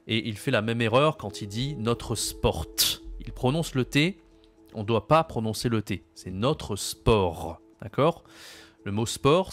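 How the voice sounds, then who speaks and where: A man with a French accent explaining French usage to learners, patiently repeating key phrases slowly. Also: medium pitch. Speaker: French teacher.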